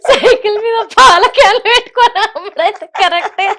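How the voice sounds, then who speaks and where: A woman hosting an interview, chatty and quick to prompt her guest. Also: very high-pitched, fairly bright tone. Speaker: interviewer host. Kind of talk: casual interview chat.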